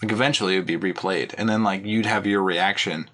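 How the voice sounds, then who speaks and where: A podcast co-host chats casually, musing hesitantly and peppering his speech with "like". His voice sits low, is a bit bright, and moves fast.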